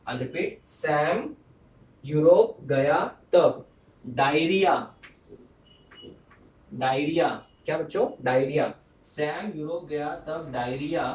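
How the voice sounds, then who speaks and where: A man lectures on chemistry in a slightly raised voice, recorded from a distance in an echoey room. He slows down to repeat memory tricks and calls on students to repeat them after him. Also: on the high side, a little hiss or hum. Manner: repeats mnemonics slowly, drilling students. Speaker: chemistry teacher. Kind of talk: Hindi classroom lecture with mnemonics.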